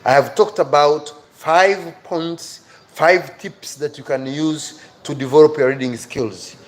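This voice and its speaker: Acting as a teacher to viewers watching live, an African-accented man gives an earnest, emphatic motivational lesson, driving home key phrases through repetition. He speaks slowly, in a fairly high voice.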